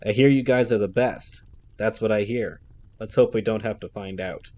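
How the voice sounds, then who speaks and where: A man's voice: lowish voice, normal speed, darkish tone, dull audio, natural voice. A man voicing a menacing, taunting bodyguard with a New Zealand accent and a drawl.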